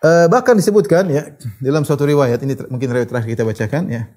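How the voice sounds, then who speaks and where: A man giving a religious lecture, reciting Arabic narrations and retelling them in a lively storytelling way. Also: mid-range voice, fast. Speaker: Islamic preacher.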